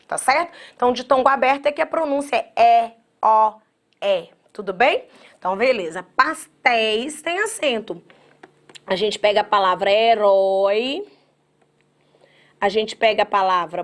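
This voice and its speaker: A woman from Brazil giving an exam-prep grammar lecture. She talks straight to her students, spells words out slowly syllable by syllable and acts out their objections. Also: mid-range voice. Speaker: grammar teacher.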